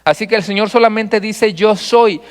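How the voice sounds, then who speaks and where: A man's voice: sits high, moderate pace. A man from Mexico, a pastor giving an expository sermon in a church, methodically repeating his points and asking the congregation questions. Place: church sanctuary. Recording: long reverb of a church hall.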